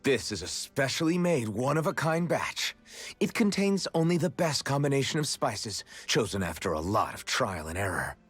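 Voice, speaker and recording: A husky young ex-slave hero from a game, frank and upbeat. His pitch rises and falls freely across his lines. His voice sits in a plain middle register. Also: sing-song, normal speed, a bit bright, soft background music. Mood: proud. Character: earnest young male freedom fighter, former slave. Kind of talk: game character dialogue.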